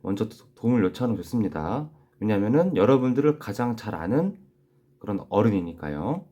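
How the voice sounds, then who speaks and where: Man, elementary teacher, gentle and patient, animated pitch, warm tone, dictating rules to kids. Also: highs cut off. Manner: gentle, patient, repeats key phrases slowly for dictation. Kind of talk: online class lesson for young children.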